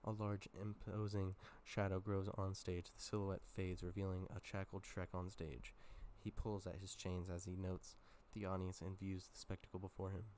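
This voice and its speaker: A man's voice: sits low, level tone, moderate pace, few pauses, a little mellow, slight background noise. A man with a sore throat reading a film script aloud casually, with dry asides and small stumbles. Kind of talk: casual script read-through.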